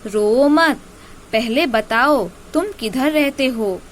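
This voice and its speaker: Kind male owl, reassuring, coaxing, a bit high, woman doing the voice, storybook. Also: takes it slowly, slight background noise.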